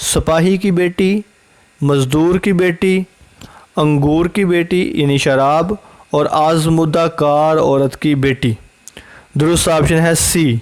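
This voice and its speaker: A man with a Pakistani accent and a slightly raised voice teaches an exam-prep lesson. He works steadily through multiple-choice questions, reading every option before firmly restating the answer. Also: on the high side. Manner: measured, reads each option then repeats the answer.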